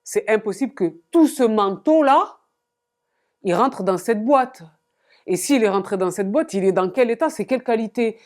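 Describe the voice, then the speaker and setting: Here a fashion vlogger chats to camera about her new coats, giggling and playing it up for her audience. She sounds a little high and animated, with a darkish tone at a moderate pace.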